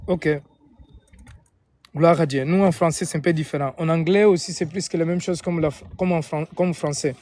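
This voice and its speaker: High-pitched and darkish, his voice comes through with no room sound. He is an Angolan man, a native Portuguese speaker with an Angolan Portuguese accent, preaching and praying informally on a live stream and regularly repeating and rephrasing his words.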